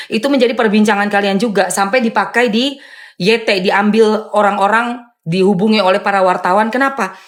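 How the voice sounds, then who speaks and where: A woman hosting a live stream and answering viewer comments in a loud, firm, blunt way, with sharp emphatic rises on dismissive phrases. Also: medium pitch. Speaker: live-stream host and content creator.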